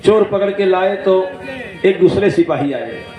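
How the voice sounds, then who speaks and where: A man giving a devotional sermon, acting out dialogue in jokey anecdotes and slowly chanting verses, recorded through a PA at a large outdoor gathering. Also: high-pitched, expressive, darkish tone. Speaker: Bhagwat katha storyteller. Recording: echoey PA sound with faint instrument music.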